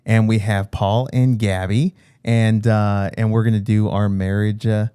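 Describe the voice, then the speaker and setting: A man's voice: on the low side, little pitch movement, measured pace, mellow, clean tone, dry recording, clean studio sound. A man hosting a casual podcast, upbeat and friendly as he welcomes guests. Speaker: podcast host.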